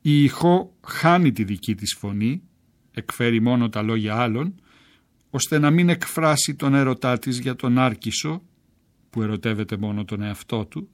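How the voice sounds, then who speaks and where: A man narrating a literary essay in a measured, emphatic reading style. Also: medium pitch, expressive.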